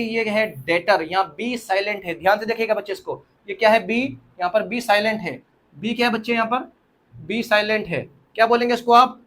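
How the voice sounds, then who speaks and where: A man's voice: high-pitched, a bit bright. A male teacher explaining accounting terms to students, asking them questions and repeating key words, with playful examples. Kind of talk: classroom-style accounting lesson.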